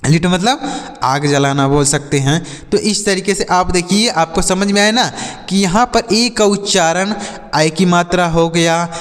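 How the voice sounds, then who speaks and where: In a Hindi-language lesson, a man teaches English phonics with patient repetition, posing questions and answering them himself. His voice is high and unhurried, and the recording has a big-room sound.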